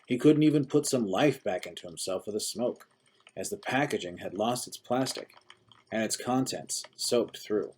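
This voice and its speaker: A man's voice: lowish voice, animated, moderate pace, darkish tone, slight background noise. A man reading a short story aloud, narrating steadily and voicing its characters. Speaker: story reader.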